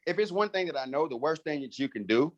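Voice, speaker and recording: A man's voice: on the high side, expressive, fast talker, dull audio. Fired-up, straight-talking man on a call. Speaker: network marketing team leader. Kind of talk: casual recruiting talk on a video call.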